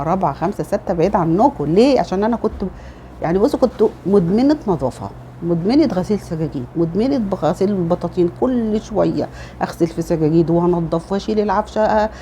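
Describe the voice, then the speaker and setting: A middle-aged woman with an Egyptian Arabic accent talks quickly and chattily, handing out motherly advice to other women. Her voice is dark and mellow. A faint room ambience sits behind her. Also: medium pitch, slight background noise. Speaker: lifestyle vlogger. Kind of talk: casual advice talk.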